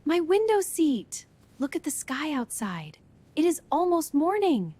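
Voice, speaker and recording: A woman playing an excited young tourist, narrating a beginner English lesson with very slow talking in short simple sentences. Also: sits high. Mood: calm wonder.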